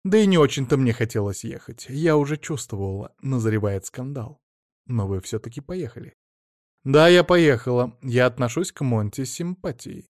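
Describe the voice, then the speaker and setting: A man's voice: medium pitch, expressive, moderate pace, darkish tone, dry recording, studio quality, close to an everyday voice. A man reading an audiobook, voicing a cold, curt middle-aged woman with a scornful manner.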